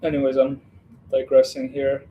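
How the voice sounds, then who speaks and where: A man's voice: mid-range voice, monotone, normal speed, dull audio, a little hiss or hum. A man from Western Ukraine hosting a casual building livestream, chatting and rambling with viewers as he works. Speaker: livestream host building a model set.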